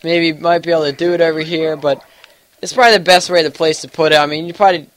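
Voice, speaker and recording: A young gaming YouTuber gives casual gameplay commentary, rambling loosely and hedging with fillers throughout. His stuffy, allergy-congested voice sits a little high for a man, with a steady, slightly bright tone at a fast pace.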